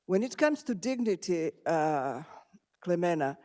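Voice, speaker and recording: A woman's voice: fairly low pitch, sing-song, a little slow, dark tone. A woman from Serbia in the audience, politely commenting and asking a question of the panel. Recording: reverberant lecture hall.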